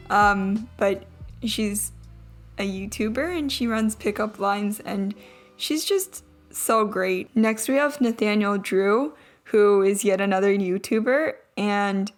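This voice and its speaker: A young adult woman giving a casual, chatty, self-deprecating vlog voice-over, with some trouble saying her R sounds. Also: mid-range voice. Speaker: vlogger. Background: background music.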